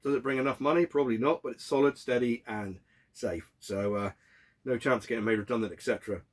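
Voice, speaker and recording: A man's voice: medium pitch, quick pace. British man with a cold-affected sore throat. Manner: informal, hesitant, self-questioning. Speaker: hobby vlogger answering viewer questions. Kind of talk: casual rambling chat to camera.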